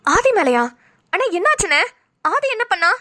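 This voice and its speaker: A woman's voice: extremely high pitch, big pitch swings, normal speed, bright, forceful tone, dry recording, studio quality, pitched above the performer's own voice, full character voice. A woman voicing an anxious middle-aged mother in a cartoon, pleading and fretful. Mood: worried. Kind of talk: cartoon voice acting.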